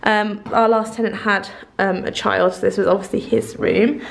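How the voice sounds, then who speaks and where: With vocal fry in a mid-range voice, she keeps a steady tone and moderate pace. The English vlogger, in her thirties, walks a handheld camera at arm's length through an empty house, chatty and fond, with frequent ums and likes.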